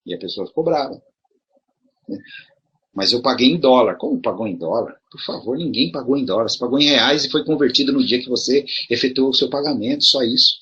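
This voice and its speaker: Very husky middle-aged Brazilian man. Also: medium pitch, fast, hardly any pauses, bright, forceful tone, dull audio. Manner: conversational, rhetorical questions, frequent restarts. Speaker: video commentator addressing promoters. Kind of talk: casual explanatory monologue.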